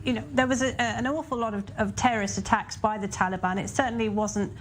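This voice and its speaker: A woman's voice: on the high side, fairly even intonation, fast talker, slight background noise. Woman news anchor asking questions. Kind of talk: news interview.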